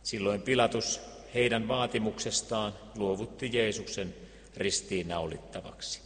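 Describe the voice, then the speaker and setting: A man's voice: fairly low pitch, fairly even intonation. Solemn male preacher in a reverberant church. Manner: solemn, measured, with deliberate pauses. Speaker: pastor. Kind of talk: Scripture reading and sermon.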